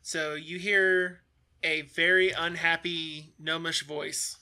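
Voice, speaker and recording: A man narrating as game master, describing scenes in a relaxed, halting way with many fillers. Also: a little high, clear, resonant tone.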